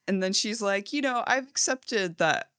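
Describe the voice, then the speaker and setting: A woman's voice: mid-range voice, lively intonation, measured pace, a bit bright, smooth, no echo. Woman podcast co-host, casual recap chat, laughs a lot, dry close recording. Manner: laughs often, acts out characters' lines while retelling.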